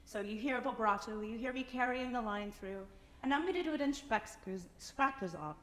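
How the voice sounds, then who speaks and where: A woman singer explaining how she performs a spoken vocal part to a concert audience, with lively demonstrations. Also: fairly high pitch, normal speed, reverberant, big-room sound. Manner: animated, demonstrates by speaking and singing.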